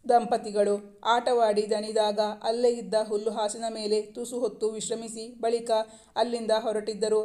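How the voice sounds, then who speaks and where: Mellow, even-voiced woman narrating. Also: a little high. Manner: steady, measured reading. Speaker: story narrator. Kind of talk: audiobook narration of a romance novel.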